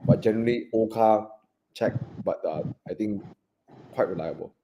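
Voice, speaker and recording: A man with a Malaysian English accent co-hosting a live car Q&A in relaxed, chatty talk that trails off softly. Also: on the low side, moderate pace, background noise. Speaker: co-host of a car buying Q&A. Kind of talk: live stream casual chat.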